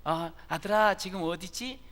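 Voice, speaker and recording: A man voicing a mother on the phone to her son, questioning and scolding him in a raised, shrill voice. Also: a little slow, fairly bright tone. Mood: doting. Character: nagging Korean mother phoning her son.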